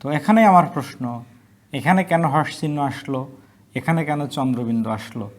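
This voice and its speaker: A man's voice: a little high, expressive, fairly quick. A man teaching an online college class, explaining rules step by step and answering his own questions. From Bangladesh. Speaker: college Bengali lecturer.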